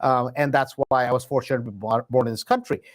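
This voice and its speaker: A man's voice: medium pitch, steady tone, fast talker. A middle-aged man who grew up in India, hosting a live real estate investing webinar in a stop-start way, with many "uh"s and emphatic repeated words. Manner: filler-heavy, stop-start delivery with many "uh"s.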